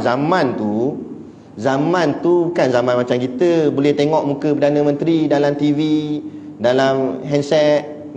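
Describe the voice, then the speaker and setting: A man gives a religious lecture and tells its stories with lively, animated delivery, chuckling now and then. His voice sits a little high for a man. The sound is dull and lo-fi, with a long reverb from a big hall. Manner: animated storyteller, chuckles between points. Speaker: religious teacher. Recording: echoey hall, dull lo-fi sound, faint hiss.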